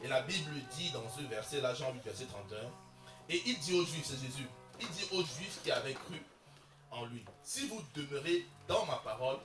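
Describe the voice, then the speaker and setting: A man preaching a sermon as pastor, calling out to the congregation and rising to loud bursts. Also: medium pitch, lively intonation, moderate pace, recorded from a distance, music in the background. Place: large church hall, voice from the PA. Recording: roomy echo from afar.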